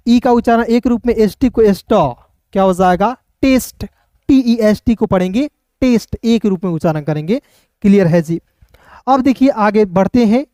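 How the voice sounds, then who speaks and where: A man teaching an online lesson as an English teacher, spelling out words slowly sound by sound and often checking that students follow. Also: high voice, dark tone, dry recording, clean studio sound. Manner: slow syllable-by-syllable pronunciation drills, keeps asking "clear?".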